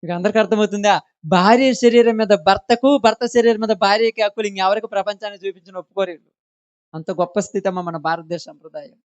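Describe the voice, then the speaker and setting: A man's voice: sits high, fast, no echo, lo-fi sound. A man preaching a sermon, scolding the congregation with impassioned rhetorical questions. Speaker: pastor.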